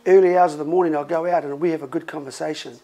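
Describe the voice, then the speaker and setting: Talking very fast in a voice on the high side, a middle-aged pastor gives a sermon full of animated storytelling and laughter, delivered in a conversational way. The recording is of low quality.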